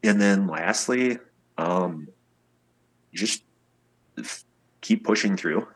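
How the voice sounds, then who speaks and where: A man's voice: low-pitched, takes it slowly, husky. A man, a singer-songwriter guest, chatting casually in an interview and telling stories where he acts out the people he quotes. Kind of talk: casual podcast interview chat.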